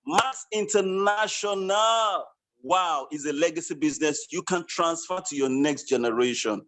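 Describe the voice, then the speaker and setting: A man presenting at an online business launch, giving an emphatic, repetitive motivational sales pitch over a video call. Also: a bit bright.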